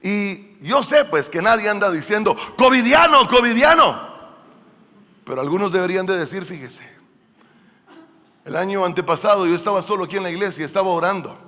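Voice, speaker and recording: A man preaching a fervent sermon as pastor in a church, addressing the congregation directly and swinging between quiet asides and loud emphatic calls. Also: high voice, fairly quick. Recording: long hall reverb.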